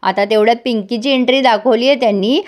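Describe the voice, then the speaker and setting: A woman gives a casual, chatty episode recap and keeps talking straight to her viewers. Her voice sits slightly high. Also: fast. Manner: chatty, addresses viewers directly. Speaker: TV serial reviewer.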